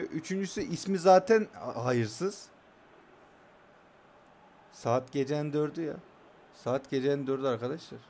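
Young guy gaming, yells out passes, mouths off at the other player, slightly high voice, faint hiss behind. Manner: excitable, trash-talking his opponent, calls out passes. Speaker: gamer commentating his own match. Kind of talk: casual gameplay commentary.

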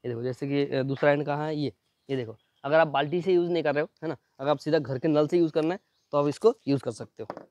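A man doing a fast, chatty unboxing demo, pointing things out again and again as he shows each part. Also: fairly high pitch, fairly even intonation, darkish tone, no echo. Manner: fast, chatty, repeats "ye dekho" constantly. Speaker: product reviewer. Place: at home near a building site.

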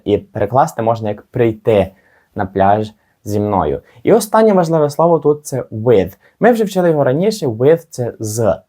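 A man teaching a spoken language lesson, modelling practice phrases slowly and deliberately. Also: fairly low pitch, warm tone. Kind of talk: scripted lesson narration.

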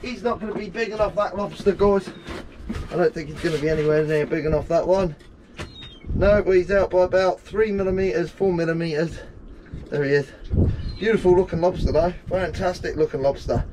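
A man's voice: high-pitched, brisk, low-quality recording. A young man narrating casually to viewers while hauling fishing pots, counting his catch aloud on a small open boat at sea, picked up by an action camera. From Guernsey. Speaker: fishing vlogger. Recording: loud wind and engine noise. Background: wind, water and boat engine.

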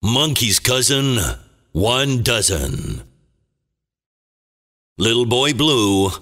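A man playing a booming, dramatic movie trailer announcer, calling bingo in short theatrical phrases with a gravelly voice. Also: lively intonation, a bit bright. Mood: dramatic, portentous. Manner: theatrical, deliberate, clipped phrases. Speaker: bingo caller. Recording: long booming reverb.

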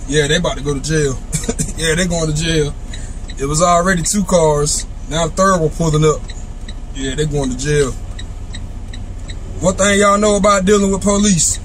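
A man in his thirties, a truck driver chatting casually and laughing easily as he drives. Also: a little high. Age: 30s. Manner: chatty, laid-back, laughs often. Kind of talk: casual driving vlog chat. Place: inside a moving truck cab. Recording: loud road noise. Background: loud road and engine noise.

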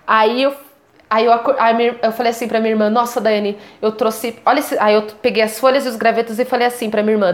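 Young Brazilian woman, high voice, chatty vlog testimony, animated with quoted voices. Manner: animated, acts out quoted voices with big pitch jumps. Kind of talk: casual testimony storytelling.

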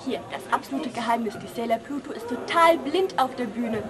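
Speaking a little fast in a fairly high, expressive voice, she films backstage and keeps up a running commentary. The young camera operator teases cast members playfully, with crowd chatter from a noisy backstage filling the recording.

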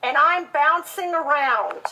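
A woman's voice: sits high, slow pace, bright, forceful tone, slight background noise, rough recording. A woman customer complaining in a heated phone conversation, indignant and insistent.

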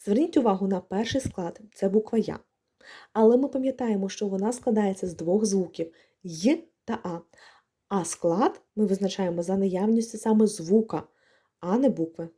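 A woman with a Ukrainian accent narrating a scripted language lesson in a clear, measured way. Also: mid-range voice, dark tone. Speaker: language teacher.

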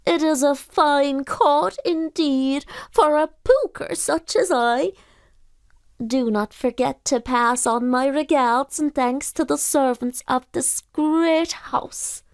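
A woman voicing a male pooka, a donkey-like spirit who was once a lazy servant, speaking slowly and courteously. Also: sits high, dry recording, studio quality, voice pushed up. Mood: grateful. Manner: slow, drawn-out and courteous.

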